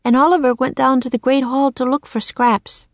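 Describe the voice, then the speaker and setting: Woman voicing a young boy, excitable, storybook, high voice, dry sound. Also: moderate pace, no echo. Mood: excited.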